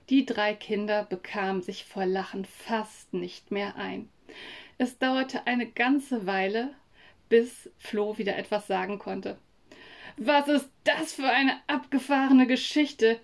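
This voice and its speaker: A woman narrating a children's story in a calm, even read-aloud manner. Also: mid-range voice. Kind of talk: storybook reading.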